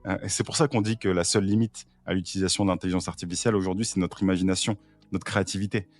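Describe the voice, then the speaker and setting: A man's voice: sits low, fairly even intonation, racing, soft background music. A man talking in a casual podcast conversation, eagerly explaining with frequent fillers and restarts. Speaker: podcast guest, AI trainer.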